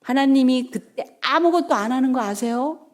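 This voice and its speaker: A middle-aged woman pastor preaching a sermon, telling the story in a lively way and acting out the voices of its people. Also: sits high, normal speed. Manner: animated storytelling, acts out quoted voices.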